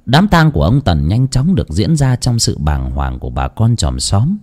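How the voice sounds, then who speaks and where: A man tells a grim horror story with a dark, mellow tone. His delivery is lively and dramatic, sinking to hushed lows and lifting for emphasis. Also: normal speed. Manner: expressive, swings between hushed low and raised tones.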